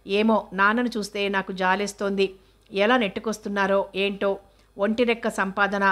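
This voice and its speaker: A woman reading the part of a gentle teenage student who talks softly and worries about her family. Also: mid-range voice, little pitch movement, normal speed, natural voice. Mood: worried.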